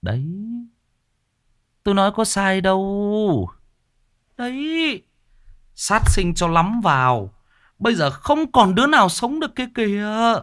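A man's voice: sits high, big pitch swings, slow, long pauses, a bit bright, clean tone, pitched above the performer's own voice, full character voice. A man voicing a smug village woman who scolds with told-you-so reproach. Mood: smug scolding.

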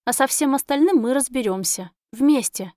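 A woman narrating a romantic fantasy audiobook in the first person, expressive and emotional. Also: sits high, moderate pace, no echo, studio quality.

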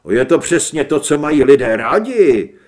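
An eager, ingratiating merchant from a storybook, voiced by a male reader. He talks with a lively pitch and a salesman's keenness. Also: lightly acted. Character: eager businesslike middle-aged merchant.

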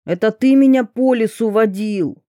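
Bold lost peasant youth, gruff and demanding, unhurried, as a woman reader puts him on. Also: mid-range voice, warm tone, dry recording, clean studio sound, lightly acted. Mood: defiant. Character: lost young peasant man, stubborn and bold.

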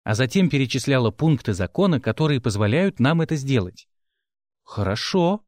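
Animated male audiobook narrator. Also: medium pitch, brisk, dry recording, studio quality. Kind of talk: expressive first-person narration.

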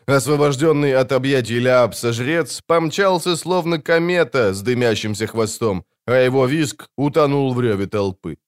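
A man narrating a fantasy story from a script in an expressive, storytelling manner. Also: mid-range voice, clean tone. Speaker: audiobook narrator.

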